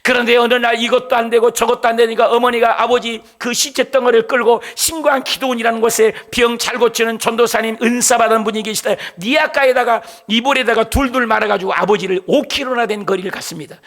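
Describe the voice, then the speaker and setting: Brief: middle-aged pastor, very high voice with gravel, impassioned preaching that rises to shouts. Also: male voice, fairly even intonation, fast, hardly any pauses. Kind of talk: sermon.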